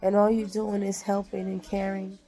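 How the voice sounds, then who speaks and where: A woman's voice: mid-range voice, level tone, moderate pace, dark tone, faint music behind. A woman talking casually to her viewers, giving heartfelt, preachy advice and repeating phrases for emphasis. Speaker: vlogger. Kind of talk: casual motivational talk.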